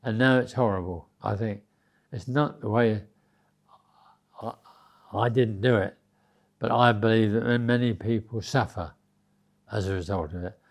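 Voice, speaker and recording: Very old British man reminiscing haltingly. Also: mid-range voice, darkish tone. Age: 90s. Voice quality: very old man's voice. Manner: halting, repeats words and phrases. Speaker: elderly interviewee reminiscing. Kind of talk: reflective conversational reminiscence.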